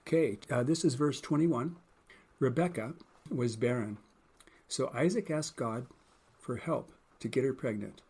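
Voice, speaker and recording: A man's voice: mid-range voice, unhurried, darkish tone, slightly rough. A man co-hosting a casual podcast, reading Bible verses aloud and explaining them plainly with an occasional dry joke. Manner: explains plainly, with small restarts and dry jokes.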